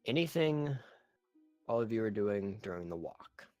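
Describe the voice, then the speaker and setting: A man with a low voice narrates a tabletop game for his friends over voice chat. He talks casually and loosely, with restarts and fillers, and faint music plays behind him. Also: expressive, unhurried, a little mellow. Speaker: game master. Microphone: online voice chat.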